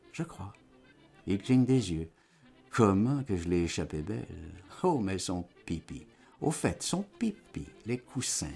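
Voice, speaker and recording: Lively, gravelly man reading a story aloud. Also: fairly low pitch. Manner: lively theatrical delivery. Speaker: audiobook reader. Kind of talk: dramatized literary reading.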